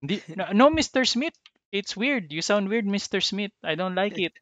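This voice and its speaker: A man's voice: high voice, expressive, normal speed, a bit bright, no echo, voice pushed up. Man doing a whiny mocking American. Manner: mocking, broken-English exaggerated voice. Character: American man griping about an accent.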